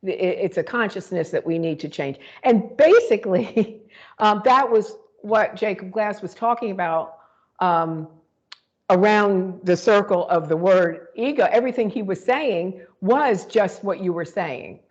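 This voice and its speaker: A woman's voice: medium pitch, unhurried, darkish tone, highs cut off. A woman co-hosting a spiritual talk show, reflecting aloud in a rambling way with many fillers and restarts. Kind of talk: casual spiritual conversation.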